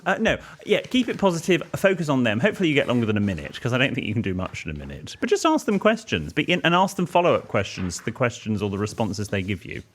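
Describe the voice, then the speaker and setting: A man's voice: mid-range voice, wildly swooping pitch, fast talker, hardly any pauses, a little hiss or hum. A man with a drily arch drawl, co-hosting a podcast with casual chat and read-out listener letters. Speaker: podcast co-host.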